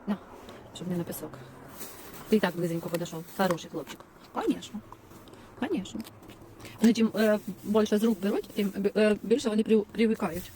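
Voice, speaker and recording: A woman's voice: mid-range voice, a little fast, pauses often, warm tone. A woman vlogging outdoors by a road, cooing in sing-song baby talk while she feeds stray dogs. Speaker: volunteer feeding stray dogs. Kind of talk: casual vlog talk to dogs. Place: outdoors by a roadside dump. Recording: outdoor traffic noise. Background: passing cars and animal sounds.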